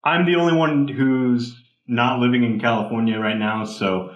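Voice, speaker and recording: A man's voice: medium pitch, fairly even intonation, moderate pace, highs cut off. A man co-hosting a casual podcast over an online call, laid-back and self-deprecating. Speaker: podcast co-host. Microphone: voice chat over an online call. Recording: roomy echo.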